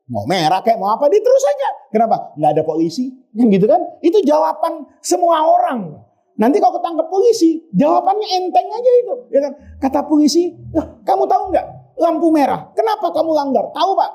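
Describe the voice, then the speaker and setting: A man's voice: high voice, mellow. A man teaching a study circle in a mosque. He jokes, asks the audience questions and answers them himself. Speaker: religious teacher.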